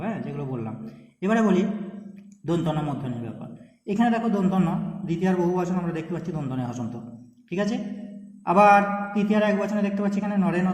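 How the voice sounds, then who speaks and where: A man's voice: fairly high pitch, warm tone. A man teaching a grammar lesson. He keeps checking in with his students and draws out and repeats words to show how they are said. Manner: checks in often with questions to students. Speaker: Sanskrit teacher. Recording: echoey room with long reverb.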